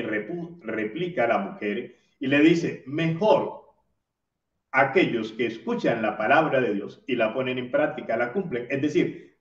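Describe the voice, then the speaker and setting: A man, a priest, reading the day's gospel and preaching a homily in a slow, measured way. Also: mid-range voice. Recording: roomy, distant, dull lo-fi sound.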